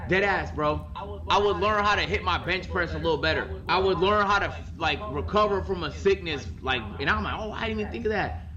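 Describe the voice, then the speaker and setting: A male streamer with a higher-than-usual voice talks casually to his chat, full of slang, swearing and exclamation. The sound is a little dull, with other voices audible behind him. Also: brisk, a crowd in the background. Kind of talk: casual reaction commentary to a chat.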